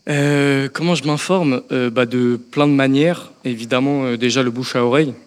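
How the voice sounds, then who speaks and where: A man's voice: medium pitch, fairly even intonation, normal speed, clean tone, big-room sound. A man who is a member of parliament, answering questions in a political discussion, thoughtful and hesitant with many restarts.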